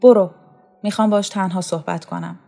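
A woman's voice: mid-range voice, fairly even intonation, creaky, dark tone. A woman reading a story, voicing an elegant young woman with a coaxing, lightly affected manner. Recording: faint music underneath.

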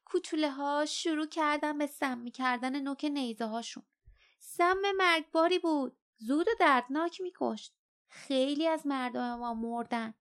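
A woman's voice: sits high, pitched above the performer's own voice. A woman voicing a protective mother giant creature in an audiobook, scolding and earnest by turns. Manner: scolding, then earnest and soft. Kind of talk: audiobook character voice.

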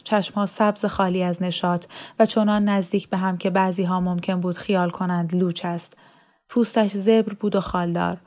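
Calm woman narrating a novel. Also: fairly low pitch. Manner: calm, even, measured storytelling. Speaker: story reader.

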